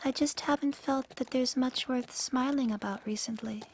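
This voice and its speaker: A woman's voice: sits high, steady tone, moderate pace, slight background noise. A woman acting a lonely, hurt younger-sister pony princess in a radio drama, with a plaintive delivery. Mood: sad, lonely.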